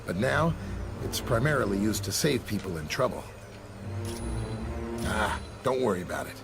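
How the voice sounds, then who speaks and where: An actor playing a friendly, knowledgeable scientist hero in a video game, explaining things plainly. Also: male voice, lowish voice, very animated, normal speed, gravelly, music in the background. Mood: helpful.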